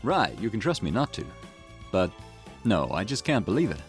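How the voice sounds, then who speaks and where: In acted visual novel dialogue, a man plays an eager, cheeky junior police detective who is chatty and teasing. His voice is fairly low and sing-song, delivered at normal speed, with music playing behind it.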